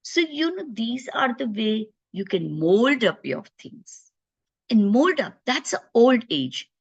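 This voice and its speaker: Woman doctor talking slowly thru health advice, kinda high voice, acts out what patients might be thinking. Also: very animated, vocal fry, breathy edge, muffled recording. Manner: unhurried and explanatory, voicing patients' inner thoughts. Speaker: physician giving health advice. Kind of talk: informal health talk.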